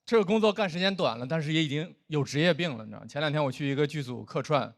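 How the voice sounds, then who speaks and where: A man in his thirties hosting a stand-up comedy show, talking in a playful, animated way into a stage microphone before a live audience. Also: a little high, very fast, creaky.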